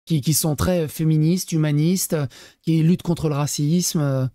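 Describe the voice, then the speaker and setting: A man doing casual live-stream commentary over clips, his voice dark and mellow and fairly high for a man. He talks with sarcastic, mocking asides and reads chat messages out loud, and the sound is dry and close. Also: fairly even intonation, a little slow, no room sound.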